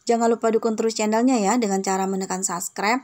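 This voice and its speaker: A woman greeting viewers as channel host in a bright, friendly way. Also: mid-range voice, fairly even intonation, fast talker.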